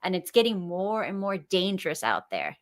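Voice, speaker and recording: A woman's voice: lowish voice, sing-song, normal speed. A woman co-hosting a podcast, talking in a teasing, sarcastic way. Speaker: podcast co-host. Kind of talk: casual podcast chat.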